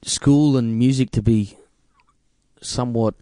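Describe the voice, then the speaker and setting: An Australian man talking casually as an interview guest, informal and a little halting. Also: medium pitch, steady tone, mellow, a little hiss or hum. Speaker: interview guest, working musician and teacher. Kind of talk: casual chat.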